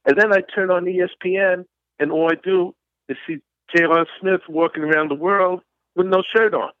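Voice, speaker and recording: A man's voice: sits high, fairly even intonation, normal speed, dry recording. A man co-hosting a casual sports talk show, telling stories with emphasis. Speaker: co-host. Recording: dull, dry lo-fi audio.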